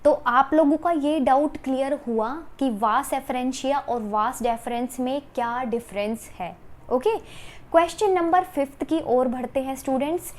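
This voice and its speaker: A young woman teaching a biology exam-prep lesson. She asks questions and answers them herself, reading English question text slowly before explaining it again in Hindi mixed with English. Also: sits high, darkish tone.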